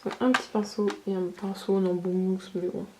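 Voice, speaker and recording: A woman chats through a casual beauty haul review, hesitating often as she talks. Her voice sits at a middle pitch and bounces around an echoey room, with steady background noise behind her. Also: fast. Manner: chatty, many fillers and hesitations. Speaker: beauty vlogger.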